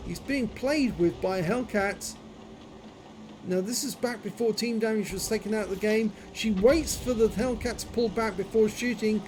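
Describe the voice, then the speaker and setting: High-voiced man, mouth numb from the dentist, slurring through game commentary, noisy background. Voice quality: slurred, numb-jawed speech from dental infection. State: numb frozen jaw, on painkillers.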